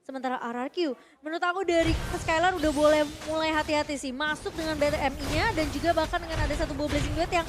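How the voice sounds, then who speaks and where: A woman's voice: high voice, steady tone, fast talker. An Indonesian woman commentating live on an esports match. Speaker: esports caster. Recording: clear background noise and ambience.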